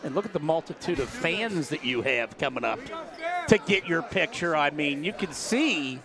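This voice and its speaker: Older broadcaster, chatty, crowd behind. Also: male voice, a little high, expressive, normal speed. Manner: chatty, folksy, rambling questions. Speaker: play-by-play broadcaster interviewing players. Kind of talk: post-game sideline interview. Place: high school gymnasium. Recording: noisy crowd in a gym. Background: cheering crowd.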